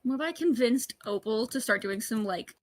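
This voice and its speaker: A woman's voice: a little high, animated, normal speed, no room sound. A woman chatting and telling stories casually during a gaming stream, swearing now and then. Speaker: streamer co-player.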